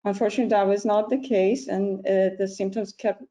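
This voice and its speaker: A middle-aged woman from Iran, a physician, giving an earnest personal talk over a video call, pausing often with ums. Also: medium pitch, steady tone, warm tone, low-quality recording. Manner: earnest, halting with frequent ums. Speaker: physician speaker.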